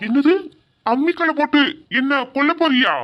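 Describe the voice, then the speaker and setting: A man's voice: extremely high pitch, normal speed, dull audio, faint music behind. A man playing a sleepy, exasperated husband in a comic couple sketch. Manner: grumbling, exasperated. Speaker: sleepy husband in a comedy skit.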